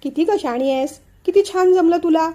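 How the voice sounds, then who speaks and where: A woman voicing a gentle, wise mother-in-law who gives soft, affectionate advice. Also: extremely high pitch, moderate pace, pitched above the performer's own voice. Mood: tender.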